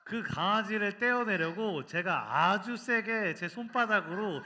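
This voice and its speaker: A man preaching at a children's worship service, telling a funny story with lively energy and quizzing the kids with questions as he goes. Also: sits high, unhurried.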